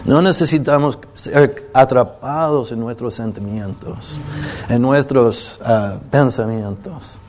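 Slow, halting preacher, a man. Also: medium pitch, a little mellow, slight background noise. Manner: halting, with many restarts and filler sounds; pauses when moved, apologizing to listeners. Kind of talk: emotional sermon to a congregation.

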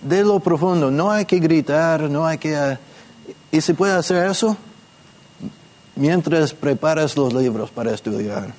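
A man teaching a church gathering in a conversational way, asking listeners questions and gently demonstrating how to pray. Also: fairly high pitch, animated, measured pace. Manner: patient, asks questions and demonstrates prayers softly.

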